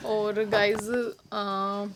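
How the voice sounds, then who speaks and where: A woman's voice: mid-range voice, completely flat delivery, extremely slow, noisy background. A young woman talking casually in a home vlog, explaining at length with many fillers and restarts. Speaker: vlogger.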